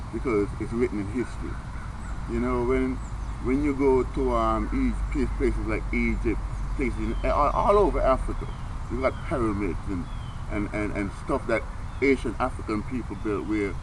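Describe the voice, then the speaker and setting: A man's voice: lowish voice, normal speed. A man giving a casual, rambling monologue in earnest, preaching Rasta speech, often stammering and repeating words several times. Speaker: vlogger. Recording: noisy, outdoor traffic ambience.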